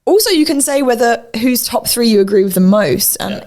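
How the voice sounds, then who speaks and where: A woman with a husky voice co-hosting a podcast, chatting casually with a giggly, enthusiastic manner. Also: on the high side, lively intonation, a little fast, darkish tone. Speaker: podcast co-host. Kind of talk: casual chat.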